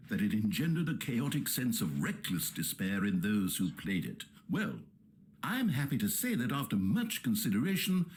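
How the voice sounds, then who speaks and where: A smug, all-knowing game narrator talks in a dry, mock-soothing tone. His pitch swings widely from low to high, drawing out words for ironic effect. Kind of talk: scripted video game narration.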